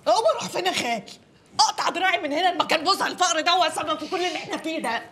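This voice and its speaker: An actress playing a fiery, sharp-tongued working-class young woman in an Egyptian TV drama, speaking Egyptian Arabic. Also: extremely high pitch, racing, a little hiss or hum, heavily acted. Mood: bitter. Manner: sharp-tongued, loud and scolding.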